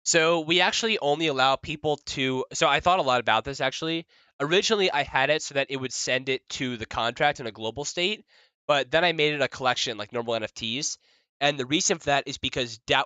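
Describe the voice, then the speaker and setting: Bright, clear-voiced joking man. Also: medium pitch, no room sound. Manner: joking, self-mocking, laughs often; chatty with many fillers and restarts. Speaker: developer presenting his project. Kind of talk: casual livestream demo.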